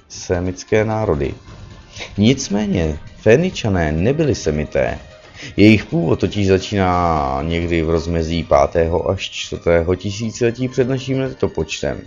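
A man's voice: low-pitched, a little mellow. A man giving a spoken lecture, often correcting himself and adding tag questions as he goes. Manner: lecturing, with frequent self-corrections and "že ano" tags. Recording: dull lo-fi recording with faint music behind.

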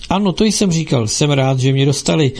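Audiobook figure: a frightened, fawning middle-aged male prisoner who whines and pleads, pitched high and strained, as a man reads him. The voice has a gravelly, husky edge. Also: expressive, a little mellow. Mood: panicky whining. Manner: whining, high-strung and pleading.

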